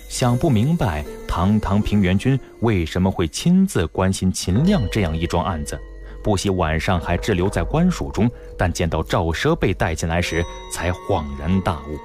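A male storyteller narrates with a low voice and very lively inflection. His delivery is expressive and dramatic, like a radio story broadcast. Faint music runs underneath. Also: normal speed.

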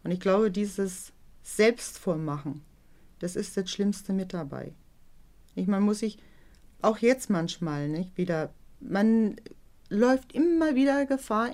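A middle-aged woman, interviewed for a documentary as the mother of a teenage girl, reflects openly on being a parent. She has a mid-range, warm voice and sounds animated, though her delivery is a bit halting and she keeps adding tag questions to draw agreement.

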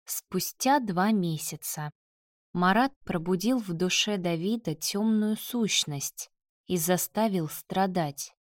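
A woman narrates a novel in a calm, even way, speaking slowly in a lowish voice. The recording is close and dry. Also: dry recording. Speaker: audiobook narrator. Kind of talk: scripted narration.

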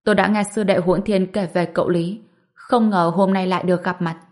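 A woman's voice: on the low side, steady tone, fairly quick, a little mellow, natural voice. A woman reading a dignified middle-aged male Taoist patriarch in an audiobook, courteous yet commanding. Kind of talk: audiobook narration.

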